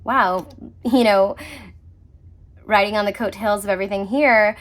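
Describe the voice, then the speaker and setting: A woman talks through a tarot reading about herself in a relaxed, confiding way. She laughs often and pauses to rethink her words, so her sentences trail off and restart. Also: medium pitch. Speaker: tarot reader. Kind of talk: casual personal tarot reading.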